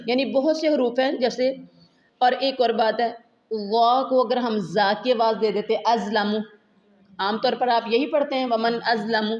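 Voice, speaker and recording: A woman's voice: on the high side, a little mellow. A woman with a Pakistani Urdu accent, a Quran recitation teacher, patiently explaining letters step by step and drawing each sound out for students to copy. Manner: repeats Arabic letters slowly for students to copy. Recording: dull lo-fi sound.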